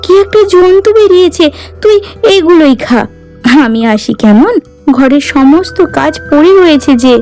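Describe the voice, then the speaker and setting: A woman's voice: high-pitched, lively intonation, normal speed, darkish tone, soft background music, voice pushed up. A woman voicing a young village wife in a cartoon, anxious and pleading over her cow. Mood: worried tender. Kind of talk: cartoon voice acting.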